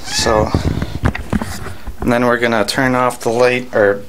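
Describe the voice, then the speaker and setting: A man in his twenties speaking casually to camera in a halting, hesitant way, explaining a challenge as a vlogger. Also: mid-range voice, flat delivery. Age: 20s. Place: small home bathroom at night. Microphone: handheld camera at arm's length. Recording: noisy small-room camera audio.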